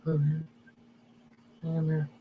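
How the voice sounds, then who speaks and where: A man's voice: on the high side, monotone, slow, slightly rough, narrow, tinny audio. A man's voice heard as a faint, delayed echo of the call coming back through a second device, repeating words in a garbled way. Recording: faint distant echo over a noisy call line.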